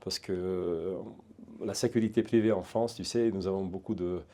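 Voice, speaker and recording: Brief: non-native man, Hungarian accent, middle-aged, deep mellow voice, chatty and halting interview guest. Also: steady tone. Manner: halting, many restarts and fillers, chatty. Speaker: guest, security training center founder. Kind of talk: casual interview.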